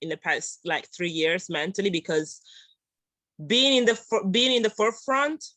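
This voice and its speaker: A woman from Italy, an audience member, asking an earnest, halting question with many pauses. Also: mid-range voice, steady tone, fairly bright tone, no echo.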